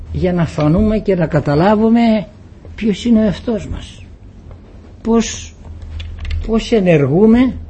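An older man preaching a sermon, animated and emphatic, acting out little dialogues and rising to loud exclamations. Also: a little high, slight background noise, poor audio.

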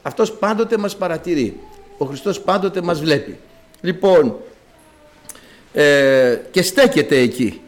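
A man with a somewhat high, expressive voice preaches a sermon, emphatic and repetitive, leaving long pauses. He repeats phrases and reads scripture passages aloud in archaic Greek.

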